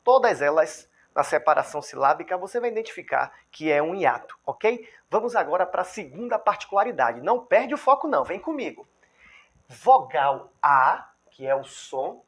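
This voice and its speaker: Brazilian guy teaching grammar on video, super lively up-and-down voice, sounds words out slowly. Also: high-pitched. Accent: Brazilian Portuguese. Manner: lively, checks in with the viewer constantly; spells out examples slowly, syllable by syllable.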